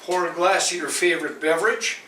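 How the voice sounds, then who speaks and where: A man hosting a casual home cooking vlog, talking slowly and savoring the food as he tastes it in his kitchen. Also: on the high side, roomy sound, slight background noise. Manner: slow, relaxed, savoring food between lines. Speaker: cooking show host.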